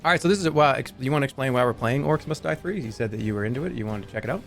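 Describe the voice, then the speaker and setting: A man's voice: mid-range voice, very fast, creaky, fairly bright tone. A man bantering casually with a friend as he streams a video game. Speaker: gaming streamer.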